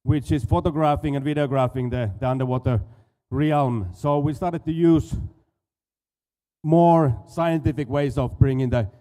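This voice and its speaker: Speaking from an expo stage, a forty-something dive school owner from Finland delivers a relaxed conference talk in a Finnish accent, tripping over words and repeating himself. His voice sits a little high, warm and steady, at a slightly slow pace.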